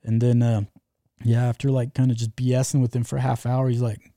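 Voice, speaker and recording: A man's voice: medium pitch, level tone, fairly quick, dark tone, no echo, studio quality. A man telling a travel story in casual chat, rambling with lots of fillers and restarts.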